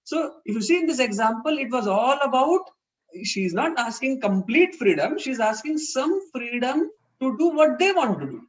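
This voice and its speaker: A man's voice: very high-pitched, big pitch swings, moderate pace, highs cut off. Earnest Indian man giving a parenting webinar. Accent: Indian English. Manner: earnest, explanatory, acts out quoted dialogue. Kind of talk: webinar talk. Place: online webinar.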